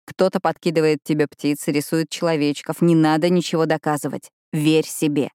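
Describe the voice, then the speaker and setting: Caring young boyfriend, teasing but soft, read by a lady, lowish and dry. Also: little pitch movement, moderate pace, clean tone, dry recording, natural voice. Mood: gentle. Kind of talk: audiobook dialogue reading.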